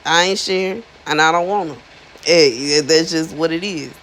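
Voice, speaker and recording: A woman's voice: sits low, moderate pace, fairly bright tone, slight background noise, low-quality recording. A woman in her thirties giving a casual, chatty monologue to her viewers, slangy and emphatic, often repeating herself for effect. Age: 30s. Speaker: spiritual influencer.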